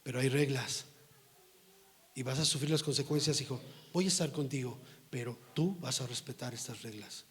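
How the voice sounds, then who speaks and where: A middle-aged man preaching a sermon as pastor, emphatic and scolding, rising to forceful outbursts. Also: medium pitch, normal speed.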